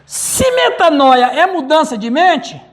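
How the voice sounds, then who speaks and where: A man's voice: very high voice, very animated, takes it slowly. A male pastor with a Brazilian Portuguese accent, teaching a Bible study and calling on listeners by name.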